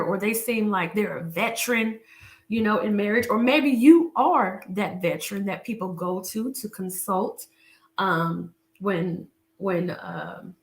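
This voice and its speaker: A woman relationship coach chats casually with a live audience and reads from her book, restarting often. Her fairly high, fairly bright voice is a little raspy from a cough, and the sound is roomy.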